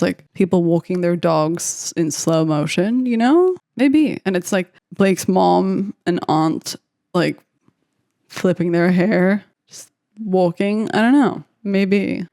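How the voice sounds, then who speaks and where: A woman's voice: on the low side, mellow, dry recording, clean studio sound. A woman chatting casually and rambling as she builds a beat, with lots of "like" and playful asides. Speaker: music producer. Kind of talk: casual vlog commentary while making a beat.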